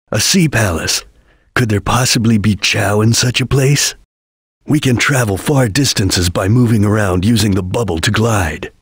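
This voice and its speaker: Espio the Chameleon, husky ninja. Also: male voice, fairly low pitch, no echo, clean studio sound, heavily acted. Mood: solemn, watchful. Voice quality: husky, gravelly. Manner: terse, solemn, deliberate, formal. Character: serious, vigilant male ninja chameleon. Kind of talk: English video game voice acting.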